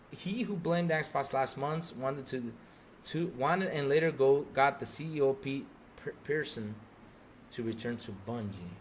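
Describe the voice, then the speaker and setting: This podcast host, a middle-aged man with a medium-pitched voice, vents about gaming to his live chat, mocking fans through sarcastic, emphatic impressions. The recording is rough, with a little hiss or hum.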